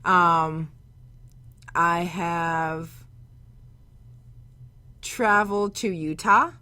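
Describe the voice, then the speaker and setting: A young woman co-hosting a podcast in casual chat among friends, laughing often and trailing off softly at the ends of her thoughts. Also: on the low side, extremely slow, clear, resonant tone, dry recording. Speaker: podcast co-host.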